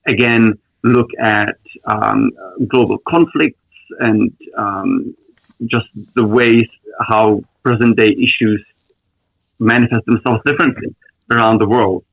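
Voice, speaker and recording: Measured man, lo-fi sound. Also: lowish voice, steady tone, creaky, no echo. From Czech Republic. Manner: thoughtful, measured, frequent ums and restarts. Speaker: lawyer guest. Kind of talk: conversational interview answers.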